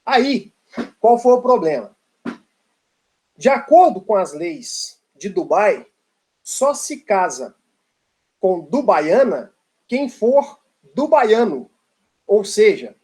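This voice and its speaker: A man's voice: sits high, a little mellow. A man giving an informal law lecture, telling a playful story with frequent tag questions and asides.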